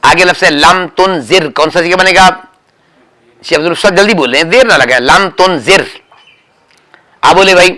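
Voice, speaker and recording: A man's voice: high-pitched, moderate pace, long pauses, bright, forceful tone. A man teaching a grammar class, quizzing students and correcting them firmly and repeatedly. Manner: firm, repetitive corrections, calls on students by name. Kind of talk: drilling students in a grammar lesson.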